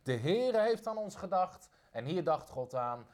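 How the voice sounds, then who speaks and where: A man preaching a sermon, emphatic, repeating phrases and slowing down on key lines. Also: high voice, sing-song, a little mellow.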